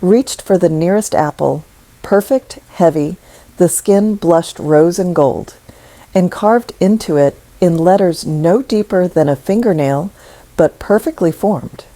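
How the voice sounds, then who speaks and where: A woman narrating a scripted story in a slow, measured, softly emotional way. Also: fairly low pitch, dry recording, rough recording.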